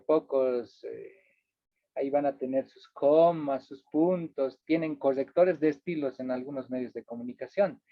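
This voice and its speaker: A man's voice: a little high, vocal fry, dry recording. A man with a Bolivian Spanish accent teaching a workshop over slides, explaining step by step and checking in with his listeners. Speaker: workshop instructor. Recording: dry, tinny phone-like sound.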